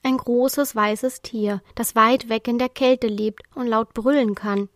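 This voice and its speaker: A woman's voice: on the high side, fairly even intonation, slow pace, no echo. Smart little girl explaining stuff, lady reading a kids book, dry close sound. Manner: matter-of-fact, explaining. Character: knowledgeable young girl explaining.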